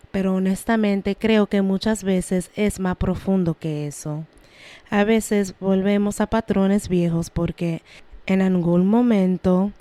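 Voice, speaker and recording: Woman, young adult, solo podcast host; unhurried, calm, earnest delivery. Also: lowish voice, no room sound. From Lawrence, Massachusetts, USA. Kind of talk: reflective solo podcast monologue.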